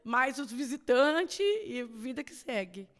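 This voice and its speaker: A woman's voice: high-pitched, slow pace. Woman telling a faith story in a reverberant room. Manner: animated storyteller who acts out quoted dialogue. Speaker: podcast guest. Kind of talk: personal faith testimony. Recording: long reverb, roomy sound.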